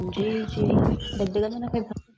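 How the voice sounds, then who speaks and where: A woman sponsor giving brief instructions in a flat way. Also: mid-range voice, moderate pace, over loud music. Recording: dull lo-fi voice chat line.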